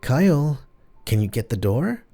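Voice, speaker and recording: A man voicing a creature that fakes a young woman's voice, at first sweet and calm, then spiteful and taunting. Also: fairly low pitch, a little slow, gravelly, soft background music, exaggerated voice. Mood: coaxing. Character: door creature faking a young woman's voice, cruel.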